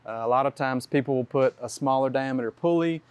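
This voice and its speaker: A man's voice: medium pitch, fairly quick, smooth, dry recording. A man mechanic giving a plain, practical explanation of engine repairs at a tech session. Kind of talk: casual technical explanation.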